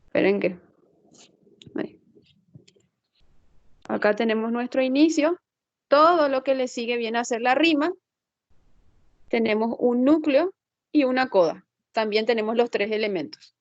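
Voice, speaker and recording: This woman has a fairly high voice and talks at normal speed on a muffled recording with no echo. She is a teacher explaining a lesson in an online class, thinking aloud as she works through the slides. She patiently makes sure students follow along, often checking understanding with tag questions.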